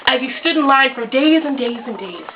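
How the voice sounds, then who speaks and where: A woman narrates a mock children's story with playful, irreverent delivery and deadpan asides. Her voice sits a little high. The recording is dull and lo-fi, with clear hiss behind it. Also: brisk.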